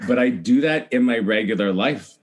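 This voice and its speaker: Speaking at a moderate pace in an animated mid-range voice, a middle-aged Iowan who works as a celebrity hair stylist recounts personal stories during a podcast interview. His chatty storytelling is emphatic and full of repetition, and he often performs the lines people said to him.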